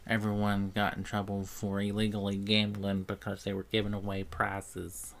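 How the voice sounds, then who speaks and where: A man's voice: on the low side, completely flat delivery, creaky, fairly bright tone. A man, co-hosting a casual podcast and chatting in a rambling way with dry jokes. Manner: slow, rambling, dry joking. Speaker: podcast co-host.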